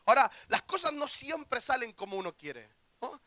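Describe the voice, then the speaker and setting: A young man with a Rioplatense Spanish accent preaching a lively youth camp sermon, acting out quoted voices and joking with the audience. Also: very high voice, moderate pace, no echo. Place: church hall.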